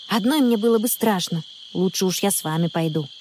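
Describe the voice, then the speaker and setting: A woman's voice: medium pitch, fairly quick, darkish tone, a little hiss or hum, natural voice. A woman voicing a timid, anxious young girl who complains and hangs back, in an audiobook story.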